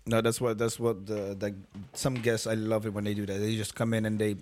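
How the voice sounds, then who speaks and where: A man's voice: fairly low pitch, flat delivery, fairly quick, a little mellow, a little hiss or hum. A man co-hosting a podcast, rambling and restarting sentences as he tells about serving guests. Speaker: podcast co-host, restaurant server. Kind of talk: casual podcast chat.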